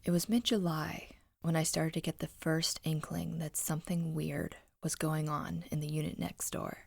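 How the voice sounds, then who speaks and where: A woman narrating a scary story in the first person with a low, husky, breathy voice and a hushed, haunting delivery. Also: steady tone, moderate pace, no room sound.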